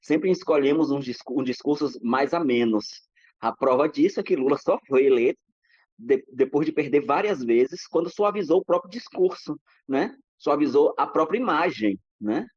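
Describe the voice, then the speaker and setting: This Brazilian podcast guest has a slightly high, somewhat mellow and husky voice with lively intonation, moving at a moderate pace. He drifts through reflective, casual talk, restarting often and leaning on fillers as he circles his ideas. There's no room sound; the audio is dry and slightly muffled.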